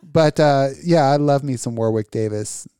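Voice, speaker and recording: A man's voice: mid-range voice, normal speed, mellow, clean tone, dry recording, clean studio sound. A man co-hosting a podcast in crude, casual chat, ranting with lots of swearing and laughing often. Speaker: podcast co-host.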